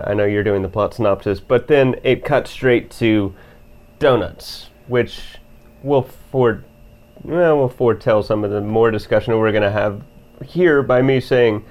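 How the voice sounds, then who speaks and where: A man's voice: medium pitch, a little mellow. A man co-hosting a casual film review podcast, talking in a laid-back, rambling way and laughing often. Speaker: podcast co-host.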